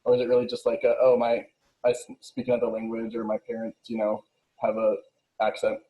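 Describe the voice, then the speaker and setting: A man's voice: on the low side, monotone, brisk, mellow, rough recording. A young man hosting a casual interview, asking questions in a friendly way with trailing restarts. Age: young adult. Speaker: host.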